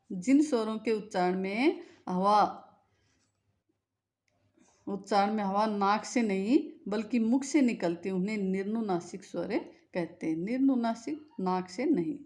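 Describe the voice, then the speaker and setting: A woman's voice: mid-range voice, a little slow, pauses often, a little mellow. A woman teaching a grammar lesson, repeating each point and asking questions she answers herself. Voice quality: patient, asks a question then answers it herself. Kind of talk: classroom-style lesson with repetition and questions.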